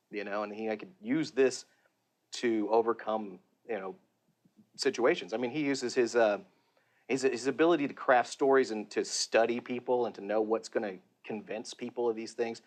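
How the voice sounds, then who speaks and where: A man, a voice actor, talking in a casual interview in an animated way, often laughing. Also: medium pitch. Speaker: voice actor guest.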